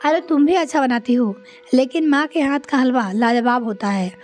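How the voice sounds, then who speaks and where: A woman's voice: high voice, moderate pace, darkish tone, soft background music, lightly acted. A woman voicing a cheerful young son. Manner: cheerful, teasing.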